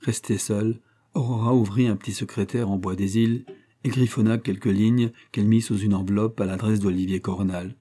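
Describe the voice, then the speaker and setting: Low, mellow male audiobook narrator. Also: fairly even intonation. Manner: measured, literary storytelling. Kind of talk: scripted narration.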